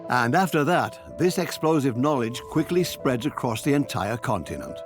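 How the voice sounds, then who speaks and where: A male documentary narrator reads a scripted account at a measured pace of phrasing, with a sense of drama. His voice sits at a middle pitch, over clearly audible music. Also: very animated. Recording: prominent music bed.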